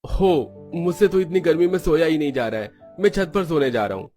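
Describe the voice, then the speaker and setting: A man's voice: on the high side, fairly quick, dark tone, soft background music, natural voice. A man voicing a young husband who grumbles about the heat. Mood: grumbling.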